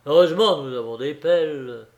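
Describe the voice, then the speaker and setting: A man reading the part of a gruff, practical male locomotive driver giving orders. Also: on the high side, normal speed, a little mellow, lightly acted. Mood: determined.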